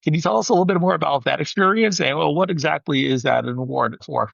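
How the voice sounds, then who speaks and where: A man's voice: a little high, quick pace, gravelly, a bit bright, no room sound. A man hosting a teacher podcast, talking earnestly and a little ramblingly, doubling back on his words. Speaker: podcast host. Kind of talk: interview podcast conversation. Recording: dry, slightly dull podcast audio.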